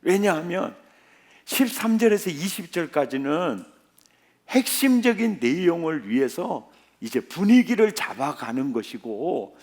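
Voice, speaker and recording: A male pastor preaching a revival sermon, often putting questions to the congregation. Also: on the high side. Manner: animated, quizzing the congregation.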